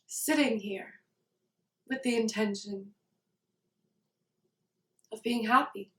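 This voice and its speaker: Woman leading a meditation, slightly high voice, calm and slow, roomy sound a bit off mic. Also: far from the mic. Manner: slow, soft, calm guiding. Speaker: meditation guide. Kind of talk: guided meditation.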